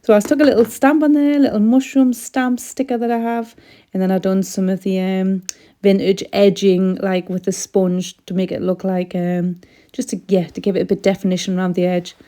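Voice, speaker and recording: Middle-aged woman, casual craft vlogger, soft mellow voice slightly going, chatty and meandering. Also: medium pitch, flat delivery, normal speed. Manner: chatty, rambling, frequent ums. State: losing her voice a little. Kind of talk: casual craft tutorial voice-over.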